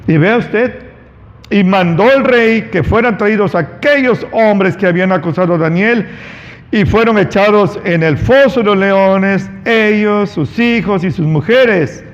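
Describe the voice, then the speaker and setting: A male pastor preaching a sermon, retelling a story dramatically with long pauses and sudden stresses. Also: high voice, in a large hall, lo-fi sound.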